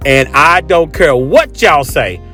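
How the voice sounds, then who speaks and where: An American podcast host delivers a casual, opinionated monologue in a fairly high, pushed, bright voice with lively intonation. He speaks slowly, over faint music, and his style is emphatic, repetitive, and full of slang.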